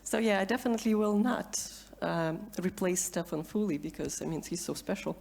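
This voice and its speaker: A woman's voice: fairly low pitch, a little fast, gravelly, darkish tone. A woman from Russia introducing herself as a panelist in a chatty, self-deprecating way. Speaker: panelist, conference representative.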